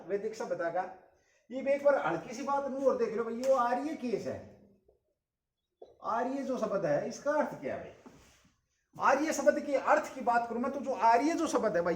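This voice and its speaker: High-voiced Haryanvi man lecturing a class. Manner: repeats key terms, asks and answers his own questions, calls listeners brother. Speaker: coaching class teacher. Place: coaching classroom. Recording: echoey classroom.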